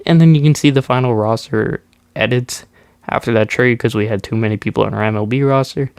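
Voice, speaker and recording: A man's voice: mid-range voice, fairly quick, gravelly, clear, resonant tone, dry recording. A young man with a stuffed-up nose casually recapping his baseball video game, with plenty of ums and restarts. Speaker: gaming YouTuber. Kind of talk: casual gameplay commentary.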